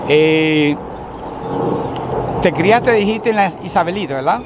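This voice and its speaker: A man's voice: high-pitched, expressive, takes it slowly, muffled recording. A man hosting a religious interview, opening with blessings and leading his guest with pastoral questions. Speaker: interviewer, church host. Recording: noisy outdoor recording with traffic.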